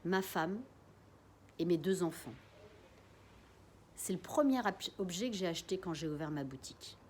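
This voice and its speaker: A woman's voice: on the low side, lively intonation, moderate pace, darkish tone, a little hiss or hum, natural voice. A woman voicing a wheezy old neighbor. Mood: wistful. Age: older. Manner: wistful, rambling reminiscence. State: wheezing, short of breath. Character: old male neighbor, gentle storyteller.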